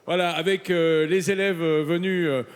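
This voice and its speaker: Man, high voice, halting live commentary, echoing hall. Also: steady tone, clean tone. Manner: hesitant, many fillers, switching to English. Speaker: event commentator. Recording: long hall reverb.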